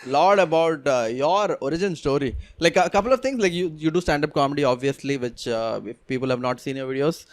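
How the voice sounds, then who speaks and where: Laughing young man with a high voice. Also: lively intonation, fairly quick, few pauses. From India. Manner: joking, laughs a lot. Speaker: podcast host. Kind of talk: casual podcast chat.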